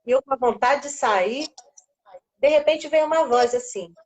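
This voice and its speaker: A woman's voice: sits high, moderate pace, poor audio. A woman with a Brazilian Portuguese accent, a guest on a live stream, telling a personal faith story and acting out the voices she quotes.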